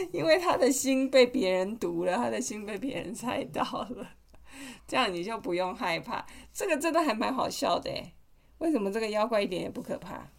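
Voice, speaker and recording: A woman's voice: medium pitch, expressive, a little fast, gravelly. A mother reading a picture book to her kids on a podcast, playful and chatty, often asking them questions. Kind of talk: storybook read-aloud podcast.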